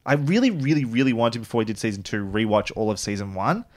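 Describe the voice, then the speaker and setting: A man hosting a podcast, chatting casually and reviewing a TV season with quick, joking asides. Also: fairly low pitch, sing-song. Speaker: podcast host.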